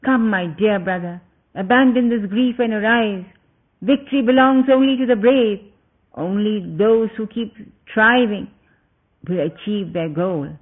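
A man's voice: high-pitched, animated, normal speed, creaky, full character voice. A man voicing a loyal younger brother who speaks earnestly and urges his brother on, heard through a tinny phone-like recording. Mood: urging. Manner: earnest, urging.

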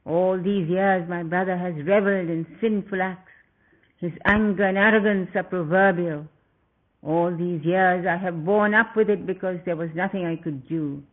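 A man's voice: high-pitched, steady tone, normal speed, close to an everyday voice. A man voicing a stern, righteous demon uncle who scolds his nephew, heard through tinny, phone-like audio. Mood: scornful.

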